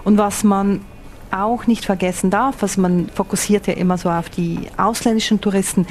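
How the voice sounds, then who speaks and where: Her voice is mid-range and darkish, with fairly even intonation and a moderate pace, over slight background noise. The woman, a Swiss-accented foreign correspondent from Switzerland, gives vivid, descriptive interview answers and keeps rephrasing as she talks.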